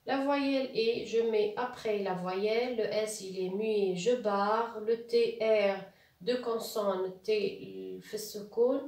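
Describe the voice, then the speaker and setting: A woman teacher, slowly spelling out letters and syllables in a reading lesson, mixing French with Arabic. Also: medium pitch, steady tone, a little mellow. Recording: roomy and distant from the mic.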